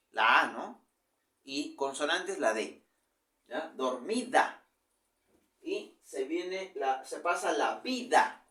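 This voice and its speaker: A man's voice: fairly high pitch, a bit bright, distant mic. Male teacher in an echoey room. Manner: explanatory, checks in with frequent "¿ya?". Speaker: literature teacher. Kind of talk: virtual class lecture.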